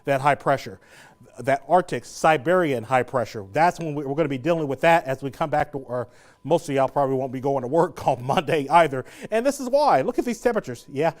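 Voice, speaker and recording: A man's voice: medium pitch, fairly quick. A man, a TV meteorologist giving a live weather forecast in a chatty, joking way, slightly out of breath. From Southern Indiana. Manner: chatty, jokey, laughs between points.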